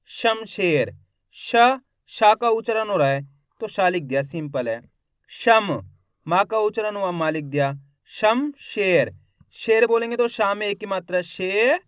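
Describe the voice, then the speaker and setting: A male reading teacher who sounds out each syllable one by one, then says the whole word slowly, and asks his viewers questions that he answers himself. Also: high-pitched, fairly bright tone, clear, resonant tone, no echo, clean studio sound. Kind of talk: slow spelling lesson, syllable by syllable.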